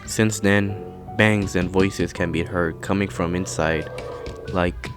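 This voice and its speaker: A man narrating a scary story in a calm, measured storytelling manner. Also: low-pitched, over music. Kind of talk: scripted horror narration.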